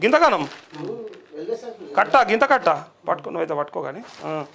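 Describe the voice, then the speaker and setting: A man's voice: sits high, very animated, a little fast, creaky, a bit bright. A male journalist, interviewing people on the spot, coaxing them and repeating their answers back.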